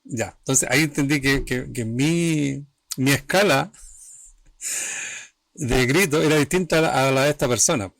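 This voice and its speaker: With a creaky, slightly bright mid-range voice and long pauses, a man hosts a live-streamed talk for his emotional healing channel at a moderate pace. His conversational style uses short, restarting phrases and frequent checks that the listener follows, with no room sound.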